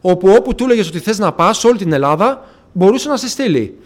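A man's voice: sits high, animated. A man from Athens giving an earnest personal faith testimony to a congregation, retelling past conversations and often addressing his listeners as brothers. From Athens, Greece. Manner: earnest, retells conversations with frequent "I say, she says" asides. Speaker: church member giving testimony.

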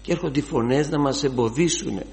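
An older man preaching a sermon, fervent, his voice rising to loud exclamations. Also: medium pitch, creaky, a little hiss or hum.

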